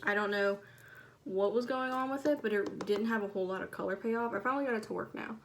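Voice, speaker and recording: A soft, quiet-spoken woman chatting casually through a makeup tutorial, recorded on a phone. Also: mid-range voice, fast, a little hiss or hum. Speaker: beauty vlogger.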